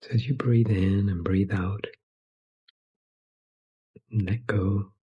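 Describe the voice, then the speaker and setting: A man guides a meditation in a soft, soothing, breathy voice, speaking gently in short phrases separated by long pauses. His pitch is on the low side with fairly even intonation, and the recording sounds lo-fi.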